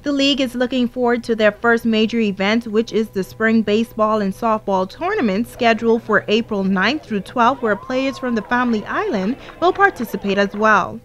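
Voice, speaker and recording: Bahamian woman news reporter, higher pitch, measured read. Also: a bit bright. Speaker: sports reporter.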